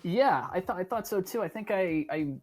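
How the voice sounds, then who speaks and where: A man's voice: sits high, expressive, normal speed. A man guesting on a comedic podcast, talking in a mock-earnest, dry, self-promoting way. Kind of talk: casual comedic podcast chat.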